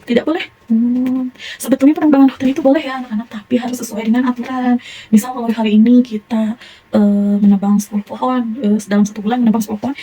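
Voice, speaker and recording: A woman's voice: on the high side, mellow, breathy edge, rough recording. A young woman with a Sundanese accent teaching a primary school class, encouraging and praising pupils often. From Indonesia. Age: young adult.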